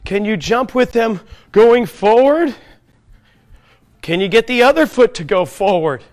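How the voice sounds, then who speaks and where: A fitness trainer with a high-pitched voice and lively intonation leads a children's P.E. class at a measured pace. He demonstrates each move while narrating his own steps, cheering the kids on and asking them playful questions.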